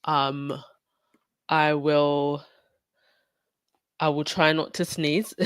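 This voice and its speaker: Casual livestream podcast commentary comes from an English woman host who is sniffly with a cold and talks loosely, full of fillers and restarts. Her low voice is a bit bright, recorded dry and clean in studio sound.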